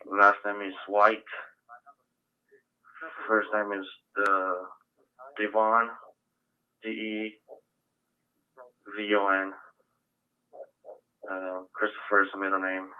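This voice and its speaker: A man with a fairly low voice calls in over the radio in terse codes and slows down to spell out names. The sound is muffled and lo-fi. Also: little pitch movement, clean tone. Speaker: police officer on radio. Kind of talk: radio dispatch traffic.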